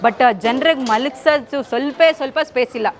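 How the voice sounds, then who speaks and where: A woman caretaker at an ashram answers an interviewer's questions. Her voice is high and her tone earnest. She explains at length and keeps soothing the people around her. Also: moderate pace, a little hiss or hum.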